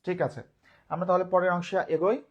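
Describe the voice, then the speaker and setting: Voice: medium pitch, level tone, fast talker, highs cut off. A grammar teacher, giving a live online lesson, who often asks the class a question and answers it, repeating key points.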